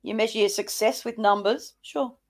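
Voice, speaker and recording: A woman's voice: on the high side, steady tone, normal speed, a little mellow. A woman giving sarcastic reaction commentary, with a mocking, scolding way of talking. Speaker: host of a reaction show.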